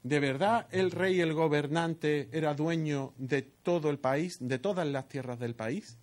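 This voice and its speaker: Through a headset earpiece mic, a preacher with a somewhat high, darkish voice works through a Bible passage a little slowly. His expository sermon relies on rhetorical questions and a recurring "¿no?" tag.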